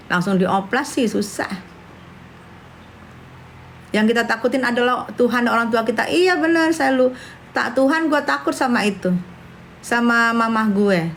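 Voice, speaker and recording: Woman, livestream host, scornful, fairly high voice, faint background noise. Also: fairly bright tone. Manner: brash, scornful, calls viewers darling. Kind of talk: casual livestream chat with viewers.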